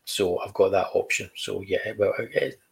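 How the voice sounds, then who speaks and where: Gravelly-voiced man chatting. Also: low voice, fairly even intonation, moderate pace, low-quality recording. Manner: chatty, restarts phrases, dry humor. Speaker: comic book creator guest. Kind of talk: casual video chat, showing artwork.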